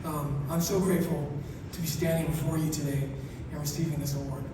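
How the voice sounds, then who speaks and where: A soft-spoken man giving an acceptance speech, his articulation slurred as if one side of his mouth is numb. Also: a little high, little pitch movement, fairly quick. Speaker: award recipient. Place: large hall through PA. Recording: echoey hall, distant, noisy ambience.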